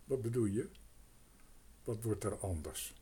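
A man's voice: lowish voice, measured pace, breathy edge, full character voice. A man voicing a spirited, protective young girl in a storybook reading. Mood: lively. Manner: lively, protective.

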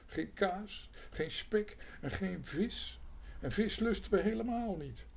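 A man's voice: high voice, expressive, slow, gravelly, pitched above the performer's own voice, full character voice. A man voicing a complaining, hungry male mouse in a storybook reading. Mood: whining.

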